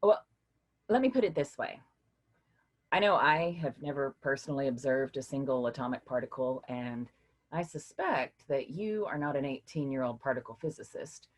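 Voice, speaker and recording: Speaking at a moderate pace in a rumbling low voice, an actress takes the role of a patient woman philosophy professor running a class discussion in a play reading that is staged. The tone is teacherly, questioning and lively.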